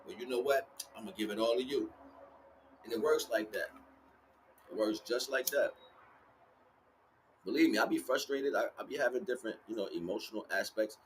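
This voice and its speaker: He talks fairly quickly at a medium pitch but leaves long pauses, hosting an outdoor livestream with a casual spiritual talk. Repetition and frequent conversational check-ins mark his delivery. The recording is poor, with a little hiss or hum.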